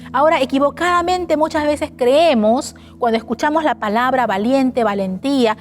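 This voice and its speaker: A woman preaching a sermon in an animated way, asking the listeners rhetorical questions. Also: on the high side. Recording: faint music behind.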